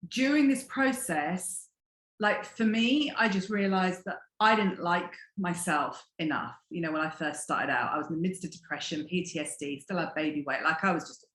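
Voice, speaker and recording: A woman wellness coach teaching in conversation, telling stories in an expressive, animated way. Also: lowish voice, normal speed, roomy sound.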